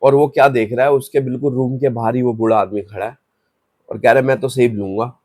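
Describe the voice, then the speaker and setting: A man's voice: medium pitch, steady tone, fast, darkish tone, dry recording, studio quality. A man telling a horror story in a loose, conversational way, with restarts, and acting out the story's voices in passing. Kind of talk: casual spoken horror story.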